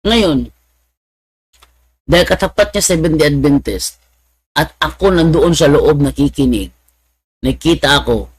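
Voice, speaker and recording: A man with a slightly high voice tells church anecdotes in a loose, chatty way. He laughs often and jumps up loud when he imitates someone shouting. His delivery is animated and unscripted. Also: measured pace, pauses often, slightly rough, dry recording. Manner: animated, laughs often, mimics others with a raised voice. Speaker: speaker telling church stories. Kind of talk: casual storytelling talk.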